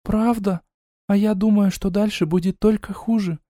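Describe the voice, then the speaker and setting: A man's voice: high-pitched, moderate pace, mellow, no room sound, clean studio sound, voice pushed up, lightly acted. A man voicing an earnest, anxious young woman, the hero's elder sister, with an emotional, pleading way of speaking. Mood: sad, pleading.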